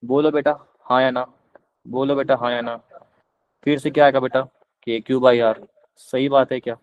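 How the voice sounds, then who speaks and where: A man with a Punjabi accent teaching physics in a live online class, explaining slowly and repeating questions to his students. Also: mid-range voice, flat delivery, smooth, phone-quality sound. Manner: coaxing, repeats questions to students, calls them beta; slow, deliberate explanation.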